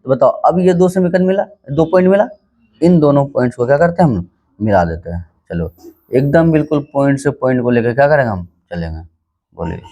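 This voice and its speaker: A man teaching a maths lesson in a calm, unhurried way, often asking questions and answering them himself. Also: medium pitch, highs cut off. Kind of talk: casual classroom maths lesson.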